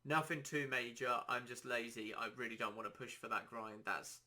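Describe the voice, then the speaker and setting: A man hosting a casual solo podcast, rambling and self-deprecating, his throat a little dry and hoarse. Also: medium pitch, normal speed, pushed and bright. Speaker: podcast host.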